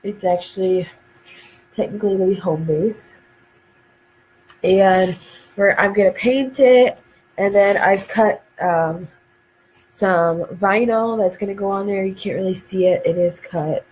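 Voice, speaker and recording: A woman's voice: mid-range voice, a little slow, pauses often, darkish tone, a little hiss or hum, poor audio. A woman hosting a casual craft live stream. She is stuffed up and dry-throated from a cold, and she rambles with many ums and uhs.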